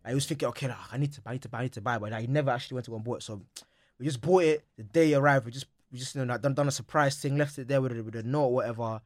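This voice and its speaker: A young man with a London roadman accent and street slang, bantering casually and telling stories in an animated, repetitive way. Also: medium pitch, racing, no room sound. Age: young adult. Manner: slangy, repeats phrases, animated storytelling. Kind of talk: casual banter in a group chat.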